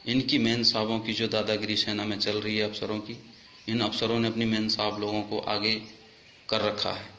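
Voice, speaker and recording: A man's voice: lowish voice, monotone, normal speed, pushed and bright, echoey room, a little hiss or hum. A man speaking as a soldier, making an impassioned, accusing complaint that rises in anger. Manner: indignant, accusing, rising in anger.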